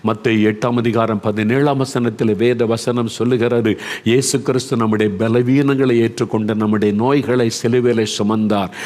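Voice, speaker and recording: Male preacher, earnest and repetitive, fervent pleading delivery, mid-pitched voice, long hall reverb. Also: a little mellow. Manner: earnest, repeats phrases, rises to fervent pleading. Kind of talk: Tamil sermon with a story of prayer.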